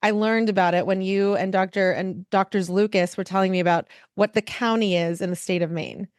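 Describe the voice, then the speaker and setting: A woman from California hosting a podcast, interviewing a guest with enthusiastic, gushing warmth. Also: medium pitch, steady tone, brisk, no room sound, clean studio sound. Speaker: podcast host.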